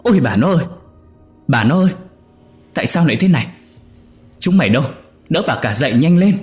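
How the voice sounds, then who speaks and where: A man voicing an old, lecherous male village chief who shouts and pleads in panic. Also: on the high side, lively intonation, fairly quick, faint music behind, voice pushed up, natural voice. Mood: panicked shouting.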